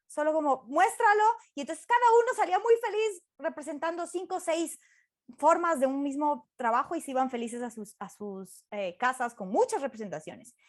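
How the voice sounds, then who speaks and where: Woman, high voice, animated storyteller, casual chat on a video call. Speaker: teacher in a discussion group. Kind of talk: casual online discussion.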